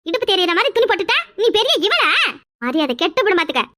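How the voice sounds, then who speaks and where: Woman voicing a shrill quarrelsome village auntie. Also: sing-song, sharp tone, heavily acted. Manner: shrill, scolding, rapid-fire taunts. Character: loud quarrelsome middle-aged village woman. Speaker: cartoon character. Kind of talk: cartoon voice acting.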